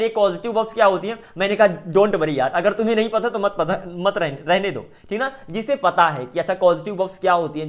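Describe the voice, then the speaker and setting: A man with an Indian English accent teaching an online grammar lesson, mixing Hindi and English and often checking that students understand. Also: high voice.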